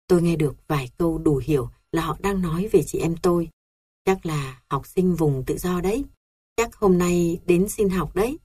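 A woman narrating a memoir in a steady, unhurried storytelling manner. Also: lowish voice, slightly rough, no echo, studio quality. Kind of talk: memoir read aloud.

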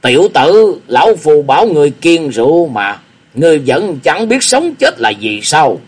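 A man's voice: fairly high pitch, sing-song, normal speed, husky, voice pushed up. A man voicing a cackling mocking old martial wanderer. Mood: scolding. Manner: loud, cackling, taunting.

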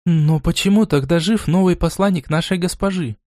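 A man voicing a fiery, indignant young female envoy who speaks in a high, sharp, accusing voice. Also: normal speed, no echo, studio quality, natural voice. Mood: puzzled.

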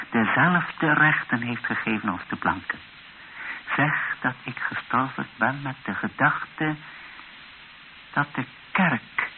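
In a radio play, a man with a medium-pitched voice acts the part of a frail, solemn dying Belgian bishop giving his last testament. He speaks haltingly and solemnly, with emphatic repetitions, on a muffled, hissy old radio recording.

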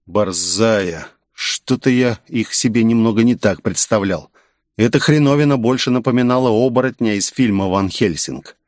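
A man's voice: medium pitch, normal speed, darkish tone, no room sound, studio quality. A man narrating a first-person fantasy audiobook in a wry, conversational way.

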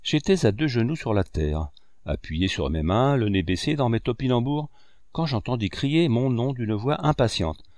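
A man reading a classic novel aloud as an audiobook narrator, measured and expressive. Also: mid-range voice, no echo, clean studio sound.

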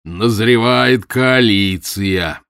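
A man voicing a gruff, domineering professor who grumbles and mocks in a low, booming voice, in an audiobook. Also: animated, normal speed, fairly bright tone, dry recording, studio quality, exaggerated voice. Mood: gruff mocking. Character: gruff domineering mocking middle-aged professor. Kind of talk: audiobook character voice.

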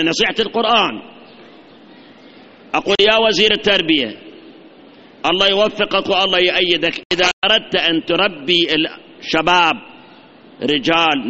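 A man with an Iraqi Arabic accent preaching a sermon in a high, bright, forceful voice. He speaks emphatically, stacking up lists and turning to his listeners directly. The recording is dull and lo-fi.

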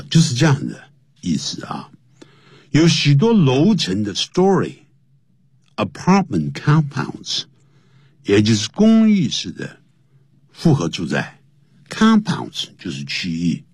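A man teaching an English lesson, explaining slowly and spelling words out letter by letter, his voice jumping high to stress key points. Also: darkish tone, breathy edge, no room sound, clean studio sound.

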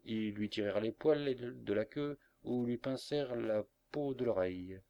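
A man narrating a classic novel in a measured, expressive way. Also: medium pitch, vocal fry, highs cut off. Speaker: audiobook narrator. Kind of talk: scripted narration.

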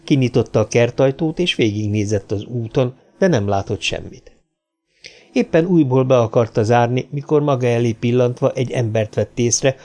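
A man reading an audiobook in a steady, measured storytelling manner. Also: mid-range voice. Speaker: audiobook narrator. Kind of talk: scripted narration.

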